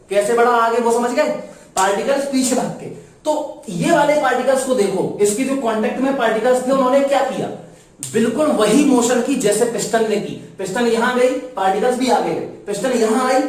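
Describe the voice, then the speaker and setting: A man teaching a physics lecture, often asking the class check questions and repeating key terms for the students to echo back. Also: very high voice. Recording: very echoey room, voice far from mic.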